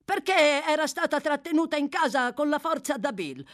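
A woman voicing a drowsy, slow-witted young man reporting in a storybook reading. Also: high voice, lively intonation, voice pushed up. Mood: plodding. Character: sleepy young male informer, slow-witted.

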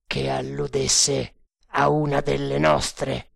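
A man voicing a brooding army captain who speaks in low, measured, commanding tones. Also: completely flat delivery, vocal fry, no echo, clean studio sound, full character voice.

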